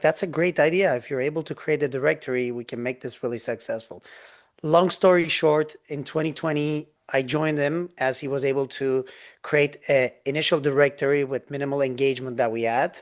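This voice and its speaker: A Turkish man appears over a video call as a guest on a business podcast, telling his story in an earnest, eager way. His voice is fairly high-pitched and moves at a moderate pace.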